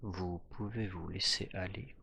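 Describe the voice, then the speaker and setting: A man narrating a guided hypnosis journey in a soft, slow voice that drifts into whispers. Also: low voice, fairly even intonation, gravelly, a little hiss or hum.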